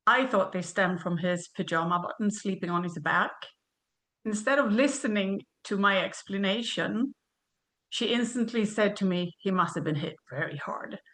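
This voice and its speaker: A woman in her fifties from Sweden, reading a prepared webinar presentation in a measured way over a video call. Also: mid-range voice, fairly bright tone.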